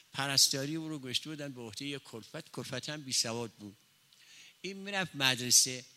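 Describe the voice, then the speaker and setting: Man, preacher, sermon storytelling, conversational asides, very bright tone, reverberant hall. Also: medium pitch.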